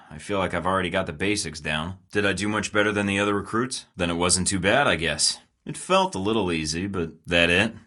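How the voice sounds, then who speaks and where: An actor voices a cocky young male spy recruit in a video game, sounding wry, sarcastic and self-assured. His voice sits low, pushed and bright.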